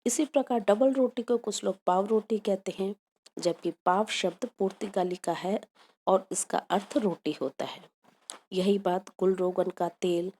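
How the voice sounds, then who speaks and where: A woman university lecturer giving a recorded academic lecture, reading a prepared text in a measured way and listing examples. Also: fairly low pitch, warm tone.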